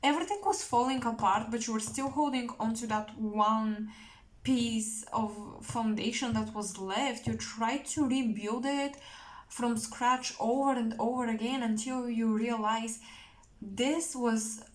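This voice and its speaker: A woman reads tarot cards for her viewers, speaking slowly and pausing often to search for words. Her voice sits a little high, and her delivery is earnest and emotional. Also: fairly even intonation, poor audio. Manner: slow, halting, searching for words with many restarts. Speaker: tarot reader. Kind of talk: intuitive tarot reading to camera.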